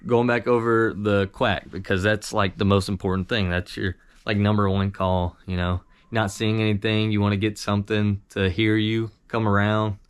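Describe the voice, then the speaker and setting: A man giving an informal instructional talk as an amateur hunter, modest and halting in how he explains things. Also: on the low side, flat delivery, smooth. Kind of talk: casual instructional talk with demonstrations.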